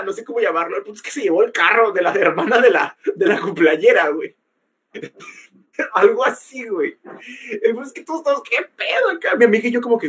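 A man's voice: sits high, husky. A young man with a Mexican accent, co-hosting a podcast and telling a story in casual, slangy chat, acting out the quotes. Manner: slangy, peppers lines with "güey", acts out quotes. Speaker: podcast co-host.

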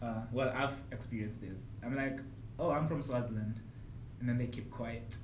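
A young college student in a casual group chat, reacting with laughter and telling lively stories. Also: medium pitch, normal speed, crowd noise. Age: young adult. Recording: roomy distant recording with background noise.

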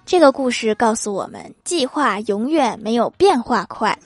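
A woman hosting a comedy podcast, reading jokes in a lively storytelling voice and laughing along. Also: a little high, moderate pace, a little hiss or hum. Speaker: podcast host.

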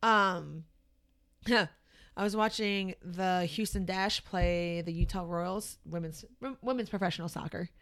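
An American woman co-hosting a podcast, chatting casually with lots of fillers and sudden lively jumps in pitch. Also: measured pace. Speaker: podcast co-host. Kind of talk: casual chat.

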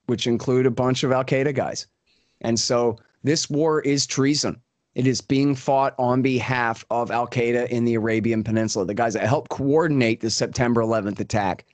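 A man's voice: mid-range voice, dry recording. Emphatic man, dry sound. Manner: emphatic, repetitive, fast-talking with fillers. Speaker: guest commentator. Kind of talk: political commentary.

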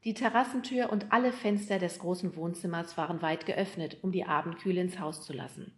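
A woman's voice: fairly low pitch, fairly quick. Woman narrating a children's audiobook. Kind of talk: scripted narration of a children's book.

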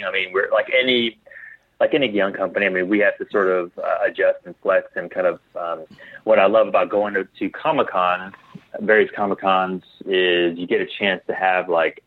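The founder of a clothing company answers interview questions casually, thinking aloud and frequently repeating himself. His voice is low, and the audio is narrow and tinny with no echo.

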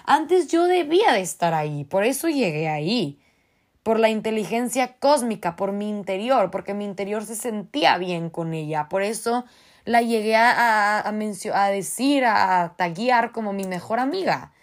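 A woman's voice: mid-range voice, animated, moderate pace. A woman with a Mexican accent hosting a podcast, giving an earnest, impassioned motivational talk in casual slang, with frequent restarts. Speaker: podcast host.

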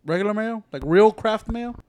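A man with a slightly raised pitch banters with his friends on a podcast. He teases them and laughs easily. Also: normal speed, darkish tone, smooth. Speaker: podcast co-host. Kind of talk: casual group chat.

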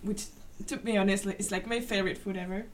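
A woman's voice: medium pitch, fairly even intonation, quick pace, distant mic, a little hiss or hum. A young woman co-hosting a casual podcast in a kitchen, rambling with lots of fillers and laughing along. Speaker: podcast co-host. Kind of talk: casual chat. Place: youth center kitchen.

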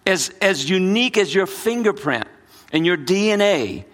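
Here the same kind of preacher sounds high and animated, moving at a normal speed with a fairly bright tone. He's a middle-aged American man whose accent mixes New Orleans and Brooklyn, and his earnest sermon is full of repetitions and restarts.

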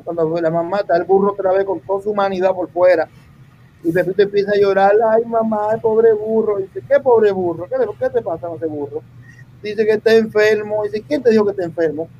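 High-voiced man telling jokes. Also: fast talker, dull audio, a little hiss or hum. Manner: animated storyteller acting out quotes. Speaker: comedian. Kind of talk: joke-telling on a podcast.

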